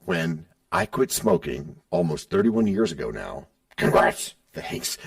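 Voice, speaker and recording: A man's voice: sits low, huge pitch swings, a little slow, gravelly. A middle-aged man hosting a podcast, playfully bantering with himself in a scripted back-and-forth, recorded on a distant mic. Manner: playful, switching between his own voice and a sidekick. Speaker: podcast host.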